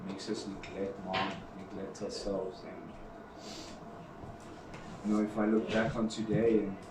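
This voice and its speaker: A low-voiced man stumbles through an emotional confession, restarting his words and swearing. He sounds distant in an echoey room with clear background noise. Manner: halting, repeats words, swears. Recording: echoey room from far off, noisy.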